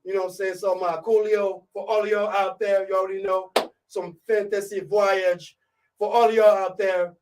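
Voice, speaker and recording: A man from Côte d'Ivoire hosting a live radio show, hyping listeners and filling every pause with "you know what I'm saying". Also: high-pitched, little pitch movement, distant mic, noisy background. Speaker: radio host.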